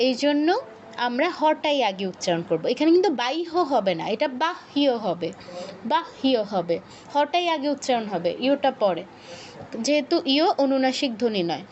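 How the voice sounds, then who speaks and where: High-voiced woman teaching patiently. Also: a little mellow, dull audio, a little hiss or hum. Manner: patient, repeats points and asks students to check. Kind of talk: online workshop lesson.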